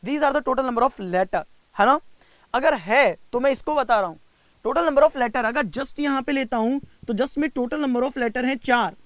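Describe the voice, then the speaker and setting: The pitch here is extremely high, with a fairly bright tone and no echo. It's a young Indian man teaching reasoning for bank exams in a live online class, switching between Hindi and English. He teases and coaxes students by name, slowing to spell out each step.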